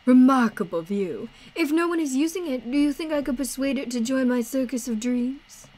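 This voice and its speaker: A woman's voice: high voice, lively intonation, moderate pace, a little mellow, rough recording. A woman reading the lines of a formal, eloquent male traveler who dreams of founding a circus.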